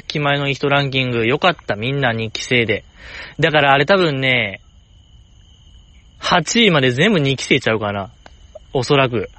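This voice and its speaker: A man with a Kansai accent talks on his own, rambling and joking, and his voice leaps upward whenever he stresses a point. His pitch sits in the middle range for a man. The recording is dry and close, with no room sound. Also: a bit bright, no room sound. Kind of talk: casual solo chat.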